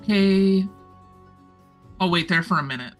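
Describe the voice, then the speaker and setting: A woman's voice: on the low side, unhurried, soft background music. A woman playing a tabletop role-playing game, bantering casually in character in a dry, offhand way.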